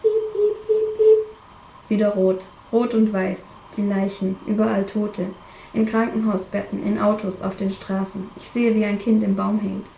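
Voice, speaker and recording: A woman with a cold reads her own novel aloud in the first person. Her voice sits at a middle pitch and drops low and quiet in the tense passages. The recording is roomy with a faint hiss underneath. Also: level tone, normal speed, creaky. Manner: reads dramatically, drops to a hush in tense moments. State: has a cold.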